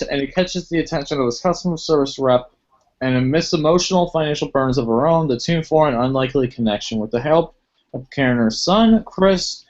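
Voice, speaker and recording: A man hosting a casual movie podcast, giving blunt opinions and reading film summaries. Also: medium pitch. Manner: opinionated, reads summaries stiffly. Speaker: podcast host. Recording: muffled lo-fi podcast audio.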